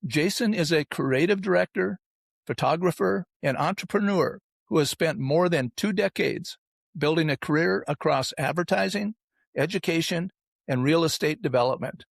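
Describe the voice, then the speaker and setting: Guy hosting an interview podcast, slightly high voice w/ lots of fry, dry recording. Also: moderate pace, dry recording. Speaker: podcast host. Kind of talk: scripted introduction and interview hosting.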